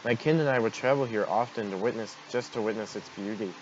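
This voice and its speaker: A man voicing a solemn, grateful native creature in a game, speaking formally and with measured words. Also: lowish voice, close to an everyday voice. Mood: solemn gratitude. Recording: dull noisy home microphone.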